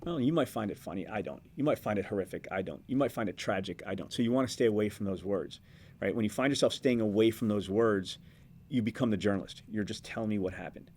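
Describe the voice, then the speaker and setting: A middle-aged man talks quickly in a casual, conversational way, often restarting his sentences. His voice sits fairly low, and he sounds like a news director passing on advice to students. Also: a little mellow.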